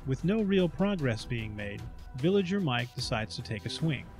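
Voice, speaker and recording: A man narrates a game recap in a scripted style. His voice sits at an ordinary middle pitch, with light music underneath. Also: big pitch swings, moderate pace, darkish tone.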